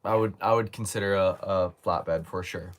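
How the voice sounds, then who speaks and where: A man with a lowish voice answers viewer questions in a relaxed live chat. He speaks easygoing and reflective, sometimes restarting a phrase as he thinks. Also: normal speed. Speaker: host.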